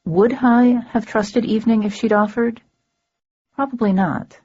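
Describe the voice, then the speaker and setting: A woman reading a novel aloud in first person, with a dry, wry delivery and a husky voice. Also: fairly high pitch, fairly even intonation, measured pace, darkish tone. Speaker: audiobook narrator. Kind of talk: first-person audiobook narration. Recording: dull lo-fi recording.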